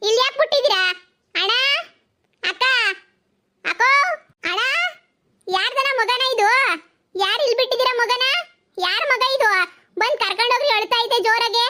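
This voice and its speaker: A woman voicing chatty village women in a cartoon comedy, in a rapid, gossipy, exclaiming manner. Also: extremely high pitch, fairly bright tone. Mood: calling out.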